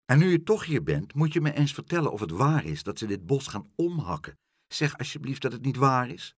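A man's voice: mid-range voice, sing-song, fairly quick, breathy edge, dry recording, studio quality, pitched above the performer's own voice. A man voicing a small father mouse in a storybook reading, frightened, reproachful and pleading. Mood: anxious.

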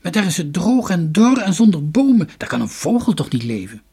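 A man's voice: high voice, big pitch swings, fairly quick, mellow, breathy edge, voice pushed up, full character voice. A man doing a timid little girl. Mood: anxious.

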